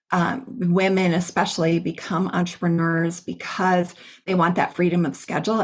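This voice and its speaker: A cheerful middle-aged woman hosts a conversational interview, her voice sitting a little low. She talks in a chatty, upbeat, storytelling way. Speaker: podcast host. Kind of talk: casual interview chat.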